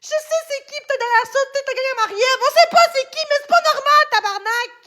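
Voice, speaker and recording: Shouting Québécois woman, very high voice. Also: brisk, slight background noise. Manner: ranting, heavy swearing, frequent shouting. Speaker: livestreamer. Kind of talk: angry livestream rant.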